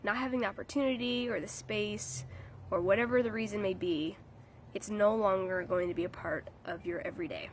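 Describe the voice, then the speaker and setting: A young woman with a stuffy, nasal voice from a cold, speaking in a mid-range pitch. She talks straight to her viewers in an earnest, casual way and keeps checking in with them. A faint hiss of noise sits behind her. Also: steady tone, brisk. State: congested from a cold. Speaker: dog trainer. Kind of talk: casual talk to camera.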